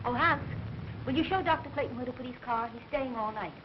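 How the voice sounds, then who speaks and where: An actress playing a frightened, pleading young heiress in early 1930s melodramatic film style, on a muffled, noisy old soundtrack. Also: female voice, sits high, fast talker, lightly acted. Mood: polite.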